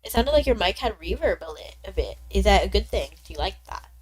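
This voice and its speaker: Bubbly and chatty, this young streamer talks with her viewers while playing a game, breaking into quick bursts of excitement. She has a husky, mid-range voice that sounds slightly congested from illness, and soft game music plays behind her.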